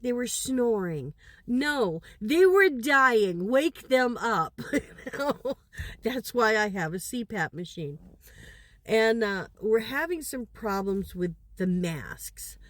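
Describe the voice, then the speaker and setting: A woman's voice: on the high side, lively intonation, slow, dry recording. An older woman, a grandmother, telling a funny story in a casual way and laughing all through it. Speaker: grandmother vlogger.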